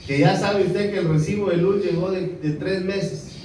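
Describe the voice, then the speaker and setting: A man with a Guatemalan Spanish accent preaching a sermon as a pastor, swinging between loud emphasis and soft asides. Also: sits high, fairly even intonation, normal speed. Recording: echoey room, distant mic, noisy.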